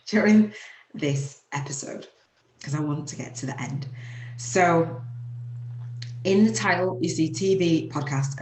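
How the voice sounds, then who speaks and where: A show host from England with a Leeds Yorkshire accent tells her own story earnestly in a deep, darkish voice. Occasional laughter breaks through the emotional moments, and the recording carries noticeable room echo.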